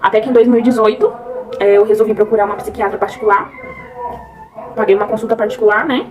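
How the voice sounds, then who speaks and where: A Brazilian woman telling a personal story in a soft, heartfelt way, often adding "né?" to her sentences. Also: mid-range voice, steady tone, quick pace, recorded from a distance, crowd noise, poor audio. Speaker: vlogger. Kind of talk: personal testimony.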